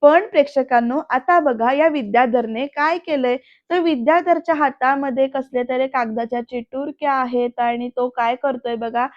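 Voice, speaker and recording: A woman with a high-pitched voice narrates a casual voice-over review of a TV serial episode, chatting directly to viewers at normal speed. The lo-fi recording has no echo.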